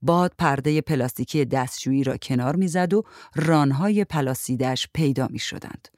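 A woman reading a short story aloud in a calm, even narrating voice. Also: extremely low pitch, dry recording, studio quality.

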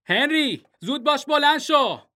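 A man's voice: sits high, expressive, sharp tone, voice pushed up. A man voicing a stern, short-tempered father who barks orders in a storybook reading.

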